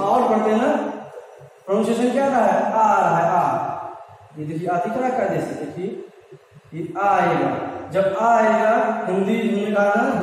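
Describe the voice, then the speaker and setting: A man's voice: sits high, a little mellow, slight background noise. A man teaching an English grammar lesson in a classroom, who keeps putting questions to the class and then answering them himself. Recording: echoey classroom from far off.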